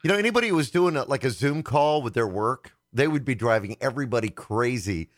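A man's voice: mid-range voice, lively intonation, fast talker, no echo, studio quality. A man hosting a tech radio show in casual chat, joking and laughing easily.

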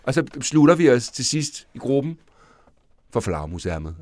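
A man co-hosting a casual comedy podcast, rambling and self-mocking, often trailing off quietly and laughing. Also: mid-range voice, big pitch swings. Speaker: podcast co-host.

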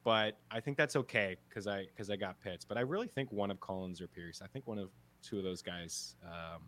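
A man with a Canadian accent, co-hosting a podcast in casual chat and thinking aloud with quick restarts. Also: lowish voice, a bit bright. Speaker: podcast co-host.

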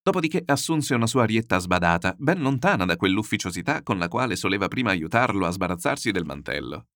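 A man reading a novel aloud as narrator, in an animated, theatrical manner. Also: on the low side, quick pace, no echo, clean studio sound. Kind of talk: expressive audiobook reading.

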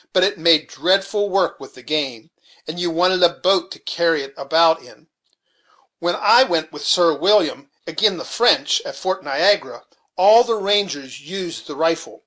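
A man's voice: fairly high pitch, fairly bright tone. A man voicing a garrulous old frontier hunter who rambles through memories in a folksy rustic dialect, in an audiobook reading.

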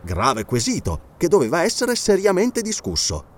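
A man narrating a novel aloud in a measured, expressive storytelling manner. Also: high-pitched. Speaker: audiobook narrator.

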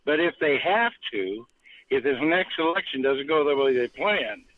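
A man's voice: on the high side, animated, normal speed. A man calling in to a radio show, rambling emphatically and restarting his sentences. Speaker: caller. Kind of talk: call-in political rant. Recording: tinny phone line.

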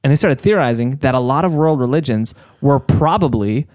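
A man's voice: medium pitch, lively intonation, a little fast, darkish tone, dry recording, studio quality. A man co-hosting a podcast, laughing easily and explaining things in a chatty way. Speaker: podcast co-host. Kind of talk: casual chat.

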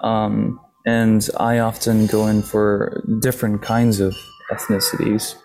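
A man from Japan speaking in a hushed near-whisper, answering interview questions casually as an actor on a remote call from a hotel lobby. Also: lowish voice, level tone, takes it slowly, creaky, slight background noise, rough recording.

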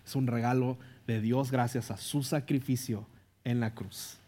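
A Mexican pastor preaching in a relaxed, conversational way, checking in with his listeners as he goes. His voice sits at an ordinary middle pitch for a man. He turns earnest and pleading when he calls people to faith. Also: unhurried. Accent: Mexican Spanish. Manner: conversational, tags lines with ¿no? and ¿verdad?; earnest, pleading altar call. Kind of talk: sermon with personal story.

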